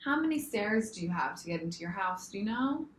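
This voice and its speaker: A young woman playing a nurse who asks intake questions from a checklist, with brief, encouraging replies between them. Her voice is of middle pitch. The room sounds echoey, with faint noise in the background. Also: very animated, fairly quick. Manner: checklist questions, repeats "very nice". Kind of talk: mock patient intake interview.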